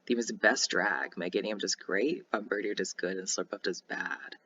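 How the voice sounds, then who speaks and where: A young man casually commentating a game he plays, chatty and excitable, with many ums and restarts. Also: low voice, normal speed, husky, highs cut off. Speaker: gaming YouTuber.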